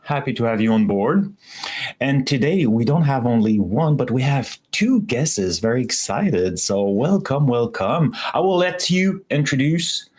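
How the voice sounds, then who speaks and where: A man's voice: medium pitch, big pitch swings, a little slow, a little mellow. A man hosting a casual community livestream, chatty and enthusiastic, with frequent restarts and fillers. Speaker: show host.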